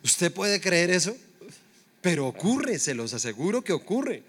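A man's voice: high voice, very animated, a little slow, fairly bright tone. A middle-aged man preaching a conversational sermon, full of rhetorical questions to the congregation. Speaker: pastor.

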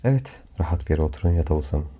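A man hosting a guided hypnomeditation in a calm, soft, soothing voice, giving measured instructions with long pauses. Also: very deep voice. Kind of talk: slow guided meditation narration. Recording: dull lo-fi audio under music. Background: clear background music.

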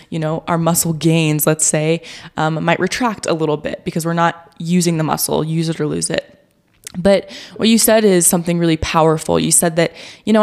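A woman's voice: lowish voice, a little mellow. A woman hosting a wellness podcast, talking earnestly in a conversational interview and quoting herself with animation. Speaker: podcast host.

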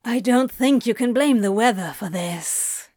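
A woman's voice: a little high, measured pace, a little mellow, dry recording, studio quality. A woman voicing a flustered, guarded male demon who talks in a blunt, clipped, offhand way. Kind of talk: fan audiobook reading.

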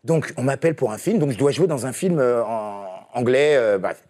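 A man's voice: mid-range voice, expressive, normal speed, mellow. A man, a voice actor, telling anecdotes in a casual, rambling way with many hesitations. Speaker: voice actor guest.

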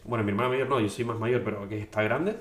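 A young man from Tenerife in his twenties, talking excitedly in a casual motivational vlog and dropping slang fillers as he goes. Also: lowish voice, fast. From Tenerife, Spain. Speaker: online coach and affiliate marketer. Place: indoors at home. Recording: echoey room.

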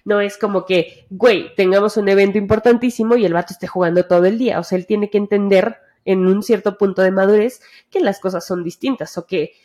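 A woman's voice: mid-range voice, a little fast, few pauses, mellow. A woman with a Mexican Spanish accent in casual chat, talking candidly with lots of slang and swearing, acting out bits of dialogue. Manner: acts out quoted dialogue.

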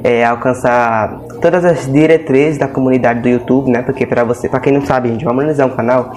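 A man's voice: medium pitch, steady tone, brisk, darkish tone, slight background noise. A man with a Brazilian Portuguese accent hosting a casual podcast, chatty and repeating little checks to the listener. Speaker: podcast host.

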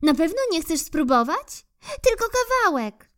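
A woman voicing an eager, persistent female squirrel in a children's storybook reading, in a high, bright, coaxing voice. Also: big pitch swings, a little slow, heavily acted. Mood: disappointed, coaxing.

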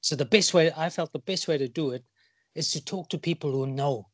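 A man's voice: fairly high pitch, brisk, no room sound. A man chatting on a podcast about running, enthusiastic and full of stories, often calling people "mate". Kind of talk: casual chat.

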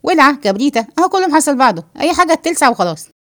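A woman's voice: high-pitched, sing-song, racing, no echo, studio quality, pitched above the performer's own voice. A woman doing a cheeky wisecracking Egyptian man. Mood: teasing. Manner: teasing, wisecracking. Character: cheeky, joking man, carefree while eating.

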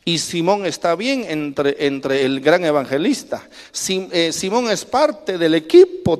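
Male pastor, high voice, emphatic preaching with call-and-response, long reverb from the church hall. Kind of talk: sermon.

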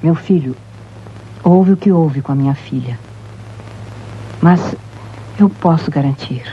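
A soothing society wife. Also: female voice, low voice, slow, highs cut off, a little hiss or hum. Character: placating wealthy wife and mother.

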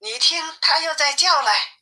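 A woman's voice: high-pitched, a little slow, sharp tone, voice pushed up, exaggerated voice. A woman reading aloud voices a kind-hearted, naive male monk who speaks with earnest urgency. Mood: urgent. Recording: tinny phone-like sound.

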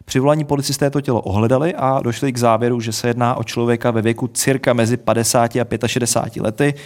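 A man co-hosting a casual podcast, explaining a mystery case in a wry, deadpan way. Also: medium pitch. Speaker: podcast co-host. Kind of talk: casual chat, storytelling.

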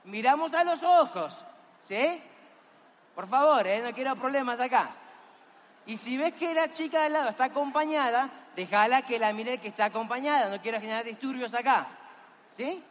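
A man's voice: very high-pitched, moderate pace, a bit bright, long reverb tail, slight background noise. A man giving a motivational talk in an auditorium, coaxing and exhorting the audience with energy. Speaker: motivational seminar speaker.

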